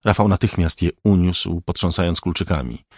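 A man reading a crime thriller aloud as an audiobook narrator, in a measured, even way. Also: low voice, no room sound, clean studio sound.

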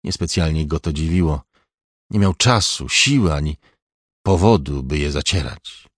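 A man reading an audiobook in a measured, even scripted narration. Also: very deep voice, breathy edge, no echo, clean studio sound.

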